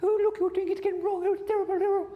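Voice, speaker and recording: A squeaky high nagging voice. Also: male voice, little pitch movement, racing, muffled recording. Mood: whiny. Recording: long hall reverb.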